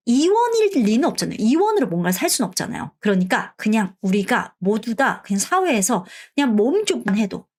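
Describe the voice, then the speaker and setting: Woman teaching Vietnamese slowly and clearly. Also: medium pitch. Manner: lively, explains step by step, models Vietnamese phrases slowly. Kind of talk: online language lesson.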